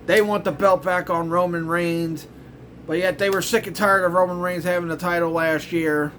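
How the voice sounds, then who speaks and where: A man's voice: sits high, fairly even intonation, moderate pace, fairly bright tone, a little hiss or hum. A middle-aged man hosting his own show, ranting in a grumbling, exasperated way with sarcastic asides. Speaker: host. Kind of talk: casual ranting commentary.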